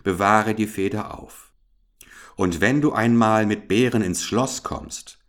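A man's voice: on the low side, a little slow, close to an everyday voice. A man doing a courteous noble knight. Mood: gracious. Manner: gracious, courteous. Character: kind noble young knight, gentle and courteous.

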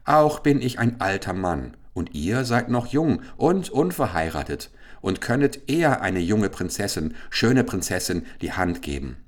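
A man's voice: on the low side, big pitch swings, unhurried. A man voicing a grumbling old grand vizier who has been turned into a stork, speaking in a protesting way in a storybook reading.

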